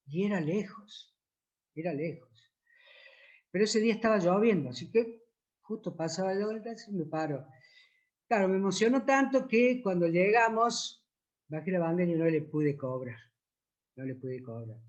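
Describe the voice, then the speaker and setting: A man with an Argentine Spanish accent, a priest, telling anecdotes at a book presentation and acting out the dialogue. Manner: anecdotal, acts out dialogue with lively pitch jumps. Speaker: priest and author.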